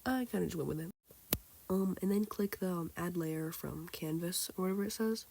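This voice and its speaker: A sick teenage girl with a hoarse, childlike-sounding voice, rambling casually through a drawing tutorial with lots of fillers. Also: on the low side, dark tone. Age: teens. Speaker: tutorial maker. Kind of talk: casual screen-recorded tutorial.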